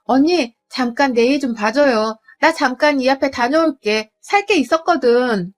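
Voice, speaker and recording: A woman voicing a pushy, entitled young sister-in-law who talks in a shrill, demanding, wheedling way. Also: moderate pace, natural voice.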